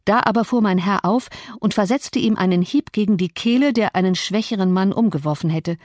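A woman narrates a classic novel in a measured storytelling voice, pitched in the middle. Her studio recording is dry and close, with no echo. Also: darkish tone. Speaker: audiobook narrator. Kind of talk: scripted audiobook narration.

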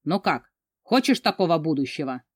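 A woman's voice: deep voice, sing-song, normal speed, breathy edge, no echo, studio quality, heavily acted. A woman voicing a mocking cold male commander. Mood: taunting. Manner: taunting, mocking.

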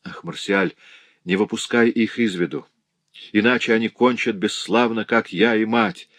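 A man's voice: fairly low pitch, moderate pace, fairly bright tone, dry recording, voice pushed up. A man reading an audiobook aloud and voicing a desperate, terrified young woman who pleads in a heartrending voice. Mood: anguished.

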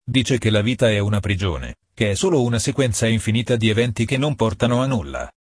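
A man reading a novel aloud as narrator, in a steady, measured way. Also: fairly low pitch, slightly rough, no room sound, studio quality. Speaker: audiobook narrator. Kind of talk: scripted narration.

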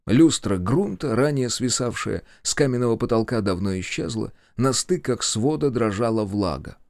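Steady male audiobook narrator. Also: mid-range voice, normal speed, vocal fry, no room sound, clean studio sound. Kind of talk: scripted narration.

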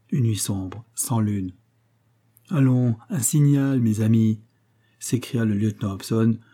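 A man reading a classic adventure novel aloud as an audiobook narrator, dramatic, raising his voice for the shouted lines. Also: on the low side, slightly rough.

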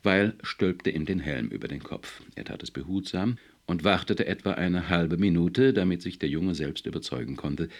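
A man reading a science-fiction story aloud as an expressive audiobook narrator. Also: sits low, moderate pace, hardly any pauses. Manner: expressive, varied. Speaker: audiobook reader. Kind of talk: scripted narration.

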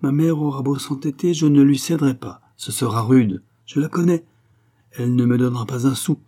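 A man's voice: medium pitch, a little fast, mellow, pitched above the performer's own voice, close to an everyday voice. A man reading a moody, self-absorbed young poet. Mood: blustering. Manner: glib, falsely cheerful. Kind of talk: audiobook character reading.

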